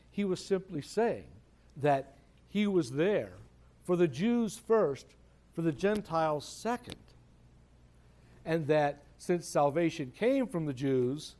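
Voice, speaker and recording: A man's voice: on the high side, mellow. A man preaching a conversational sermon, asking rhetorical questions and repeating phrases for emphasis.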